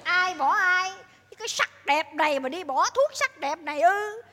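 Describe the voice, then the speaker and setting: Woman playing a shrill, fussy scheming wife. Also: animated, moderate pace, bright, forceful tone, exaggerated voice. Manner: shrill and fussy, exclaims often. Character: fussy scheming middle-aged wife and mother. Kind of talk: comedy sketch acting.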